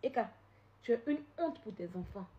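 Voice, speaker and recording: A woman on a live stream, confrontational and repetitive, swinging from loud outbursts to low scolding. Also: lively intonation, normal speed, dull audio. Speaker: social media live streamer. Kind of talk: heated live-stream rant.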